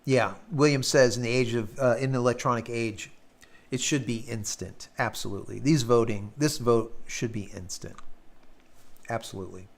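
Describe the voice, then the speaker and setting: Man, live-stream host, casual chat, blunt ranting, swears a lot, sore worn throat, middle pitch. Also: normal speed, gravelly. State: sore, worn throat after hours of talking.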